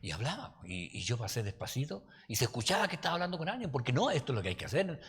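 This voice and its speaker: Un pastor con acento chileno que da un estudio bíblico en tono de charla, con anécdotas y preguntas como "¿ya?" a los oyentes. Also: male voice, fairly high pitch, sing-song, rapid-fire, fairly bright tone. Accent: Chilean Spanish. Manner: folksy, anecdotal, asks listeners "¿ya?". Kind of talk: conversational Bible-study sermon. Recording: reverberant hall.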